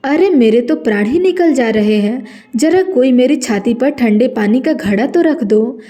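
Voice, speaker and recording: A woman's voice: a little high, lively intonation, measured pace, mellow. A woman voicing a devout, thirsty old grandmother who pleads and prays during a story. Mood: pleading. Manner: pleading prayer.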